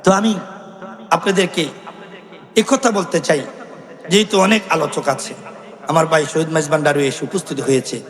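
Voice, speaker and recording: A man's voice: a little high, fairly even intonation, moderate pace, pauses often. A man preaching a fervent sermon at an outdoor religious gathering through a stage microphone, calling out to the crowd and breaking into devotional song. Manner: chanting, call-and-response with the crowd, bursts into song. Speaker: Islamic preacher. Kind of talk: impassioned Bengali waz sermon with sung devotional verses. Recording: echoey loudspeaker sound with long reverb.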